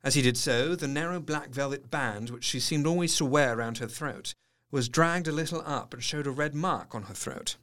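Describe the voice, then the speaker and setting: An actor playing an earnest, observant male doctor narrating his diary in an audio drama, articulate and measured. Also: medium pitch, fairly bright tone, natural voice. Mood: grave, observant. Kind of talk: scripted first-person narration, audio drama.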